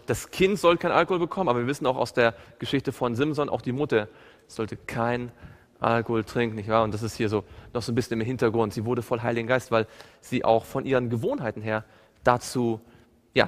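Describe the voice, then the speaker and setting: A man's voice: medium pitch, brisk. A man preaching a Bible study sermon and asking his listeners questions as he tells the story. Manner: asks the audience questions, animated storytelling. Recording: long hall reverb.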